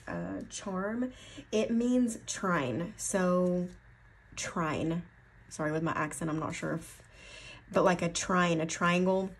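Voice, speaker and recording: Husky and on the low side, this tarot reader's voice carries an Appalachian accent from the US foothills. Her casual reading wanders as she thinks out loud and keeps correcting herself.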